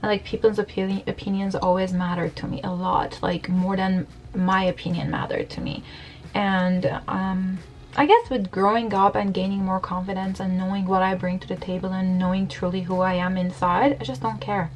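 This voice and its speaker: A woman's voice: mid-range voice, steady tone, moderate pace, rough recording. A woman in her thirties from Iran, chatting candidly with many fillers as she does her makeup for a question-and-answer video, filmed in her bedroom at home by a camera on the desk. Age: 30s. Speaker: beauty blogger. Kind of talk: get-ready-with-me Q&A chat. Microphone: camera at desk distance.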